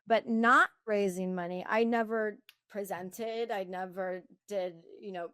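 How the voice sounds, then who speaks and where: A woman who founded a company, talking candidly in an interview, fast and animated, with many restarts and "like.". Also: medium pitch, clear, resonant tone, no echo. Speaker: founder and guest.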